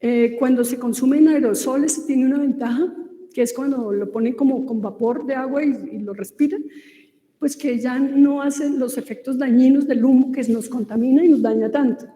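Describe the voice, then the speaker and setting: A woman with a Colombian Spanish accent explains her subject in a loose, conversational lecture, often pausing on fillers and restarting phrases. Her voice sits high yet sounds mellow and soft-edged. The recording has an echoey room with a long reverb tail. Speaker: lecturer on cosmetic ingredients. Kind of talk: informal lecture.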